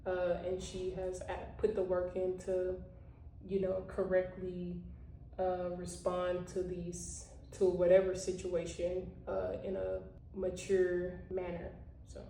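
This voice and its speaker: A woman with a mellow, lowish voice talks slowly and flatly, giving viewers a casual motivational pep talk laced with "you know" and "like." Her vlog audio has roomy echo, a slightly distant mic, and some faint background noise.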